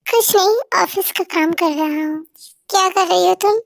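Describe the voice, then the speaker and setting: A woman's voice: very high-pitched, moderate pace, vocal fry, dry recording, studio quality. A woman voicing an anxious young man who pleads and repeats his girlfriend's name when scared, in an amateur audio drama dub. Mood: teasing.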